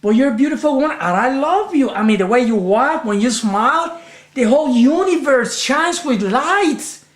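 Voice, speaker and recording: A lovestruck immigrant husband complains about being broke. He speaks broken, halting English in a high voice. The room is echoey. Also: expressive. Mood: aggrieved.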